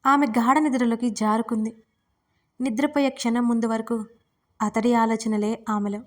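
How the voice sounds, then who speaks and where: A woman narrating a romance audio story with steady, expressive reading. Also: fairly high pitch, normal speed.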